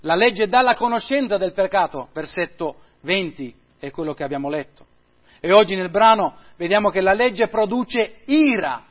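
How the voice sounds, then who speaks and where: Male pastor, high-pitched, preaching emphatically, lo-fi recording. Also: animated, moderate pace. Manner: emphatic, builds to loud peaks. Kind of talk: sermon. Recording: dull lo-fi sound.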